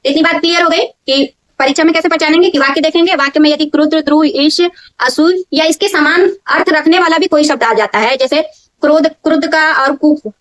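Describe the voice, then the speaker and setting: High-voiced woman teaching grammar. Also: low-quality recording. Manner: explains step by step, keeps checking if students understood; repeats key words slowly and drills them. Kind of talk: classroom-style lesson. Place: in front of a board.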